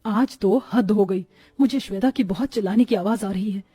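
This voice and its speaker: A woman voicing a kind, patient elder daughter-in-law in a storybook, gentle yet firm. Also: medium pitch, normal speed, slightly rough, no room sound, soft background music, natural voice.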